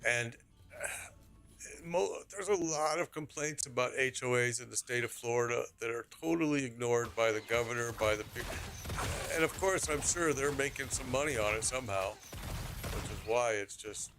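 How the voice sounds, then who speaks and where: A man's voice: medium pitch, normal speed, a bit bright. A middle-aged American man, a streamer, ranting in casual chat about his neighbors and rules, mimicking what others said. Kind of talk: casual rant while gaming.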